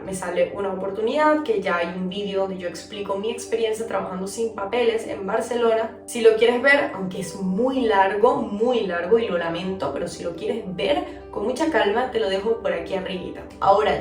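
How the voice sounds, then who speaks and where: A young adult woman from Venezuela, telling a personal story in a chatty, animated vlog. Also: mid-range voice. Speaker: vlogger telling her story. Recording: echoey room, mic at a distance, soft music.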